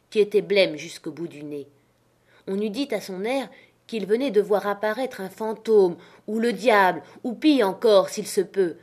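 A woman reading an adventure novel aloud as an audiobook narrator, in a steady, measured storytelling manner. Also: lowish voice. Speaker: audiobook reader. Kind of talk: scripted narration.

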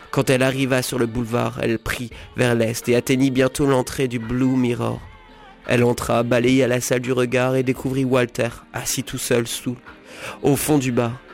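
Flat-voiced man reading a story. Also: medium pitch, gravelly. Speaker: reader. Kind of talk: reading a novel excerpt aloud.

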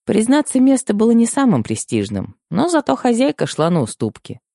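A man reading a first-person story aloud as an audiobook narrator, with expressive storytelling. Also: very high voice, a little fast, vocal fry, dry recording, clean studio sound. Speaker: audiobook reader.

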